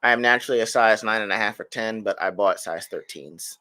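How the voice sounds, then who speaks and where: A man's voice: lowish voice, a little fast, pushed and bright, clean tone. A man in his thirties, a podcast co-host, telling rambling, self-mocking stories in casual chat.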